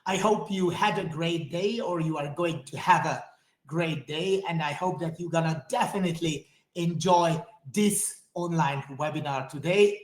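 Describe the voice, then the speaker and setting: Presenting an online webinar, a Hungarian man speaks straight to his audience in a friendly, enthusiastic way, his native Hungarian accent clear. His voice sits on the higher side, and the room sounds echoey.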